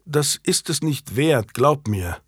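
A man playing a gruff medieval lord. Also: expressive, slow, fairly bright tone, no echo, studio quality, heavily acted. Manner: curt and gruff, low and muttering. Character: guarded medieval lord, gruff husband, curt. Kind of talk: audiobook character reading.

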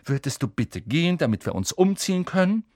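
A sulky schoolboy grumbles in a gruff, mid-height voice, as a male narrator puts him on. It sounds dry and close, like a studio audiobook. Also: on the high side, big pitch swings, a little fast, a little mellow, no echo, voice pushed up. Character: gloomy freckled schoolboy from a poor family.

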